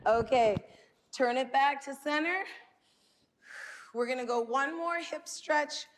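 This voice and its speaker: High-voiced woman coaching while exercising, reverberant. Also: slow pace. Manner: speaking while exercising, timed breathing cues; encouraging. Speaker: fitness instructor. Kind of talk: guided stretching workout instruction. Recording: long hall-like reverb.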